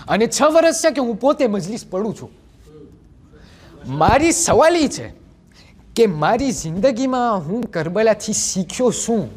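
A teenage boy preaching a sermon to a gathering, his voice swooping up and down as he tells the story. He asks his listeners question after question in an animated, storytelling manner. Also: high-pitched. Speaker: majlis preacher.

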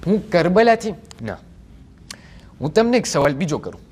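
Animated teenage boy preacher, lively pitch. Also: moderate pace, breathy edge. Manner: animated storytelling with rhetorical questions. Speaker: majlis preacher. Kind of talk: religious sermon to a gathering.

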